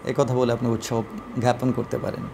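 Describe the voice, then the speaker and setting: A man gives an English lesson in a mid-range voice. He reads each example phrase slowly and carefully and fills his pauses with "uh". A faint background hiss runs under the recording. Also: medium pitch, level tone, creaky, a little mellow. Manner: slow, deliberate reading of example phrases with frequent "uh" fillers. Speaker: English teacher.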